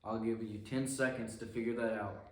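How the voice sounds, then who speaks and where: A man's voice: fairly low pitch, fairly even intonation, a little fast, noisy background. A man co-hosting a casual podcast, blunt and jokey, telling short stories. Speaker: podcast co-host. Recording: roomy echo, distant from the mic.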